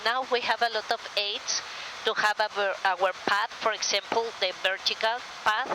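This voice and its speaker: A woman's voice: medium pitch, steady tone, moderate pace, background noise. A woman airline pilot with a Mexican accent, talking and explaining things informally in the cockpit during flight. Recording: clear aircraft cockpit drone.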